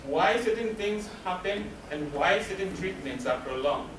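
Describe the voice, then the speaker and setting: Animated and measured in pace, a male counselor with a slightly high voice presents to a live audience, explaining emphatically and asking questions only to answer them himself. He's recorded from a distance in a reverberant room with noticeable background noise.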